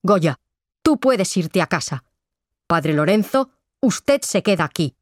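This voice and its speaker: A woman's voice: on the low side, animated, slow pace, dry recording, clean studio sound. A woman voicing a determined, protective middle-aged father in a read-aloud story, speaking insistently. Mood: earnest.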